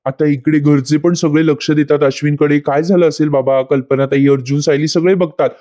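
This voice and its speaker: Male recap narrator, casual, speaks to viewers; mellow, slightly high. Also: steady tone, brisk, highs cut off. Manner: addresses viewers directly. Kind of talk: casual retelling of a TV episode.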